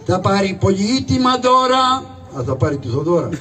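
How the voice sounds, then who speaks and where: A man voicing Hatziavatis, a fussy, fawning town crier in a live shadow puppet show, calling out loud proclamations. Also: high voice, big pitch swings, full character voice. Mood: proclaiming. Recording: distant live stage recording with audience noise.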